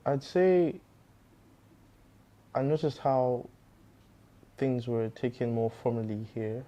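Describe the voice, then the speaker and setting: A young man from Nigeria, an engineering student, answering interview questions in a measured, matter-of-fact way. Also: mid-range voice, warm tone, highs cut off. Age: young adult.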